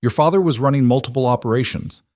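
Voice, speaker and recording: A man's voice: mid-range voice, quick pace, darkish tone, voice pushed up, lightly acted. A man voicing a cold, commanding male mafia boss in an audiobook, speaking in a controlled way.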